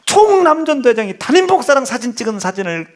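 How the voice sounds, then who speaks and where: A middle-aged male pastor preaches in a church sanctuary. His voice sits high and swings widely in pitch as he tells stories and acts out his family. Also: quick pace. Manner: animated storytelling, mimics family members. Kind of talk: sermon.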